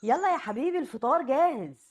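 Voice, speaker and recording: A man voicing a gentle mother rabbit in a children's storybook, with a soft motherly manner and an Egyptian accent. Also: extremely high pitch, animated, quick pace, pitched above the performer's own voice. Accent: Egyptian Arabic.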